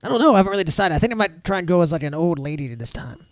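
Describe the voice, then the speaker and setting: A man's voice: a little high, lively intonation, rapid-fire, dry recording. A man narrating as dungeon master, rambling with fillers and restarts. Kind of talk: narrating a tabletop game.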